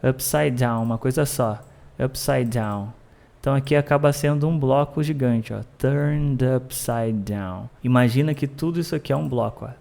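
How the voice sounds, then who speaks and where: Gravelly-voiced man teaching pronunciation. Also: mid-range voice, a little mellow. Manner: explains in short bursts, repeats English phrases slowly. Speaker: English teacher. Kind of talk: pronunciation lesson.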